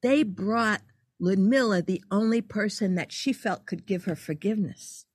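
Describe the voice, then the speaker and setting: A woman's voice: medium pitch, normal speed, breathy edge, no echo, clean studio sound. An older woman, a guest artist, telling a story in casual conversation and acting out the quoted lines. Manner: animated, acts out quoted dialogue.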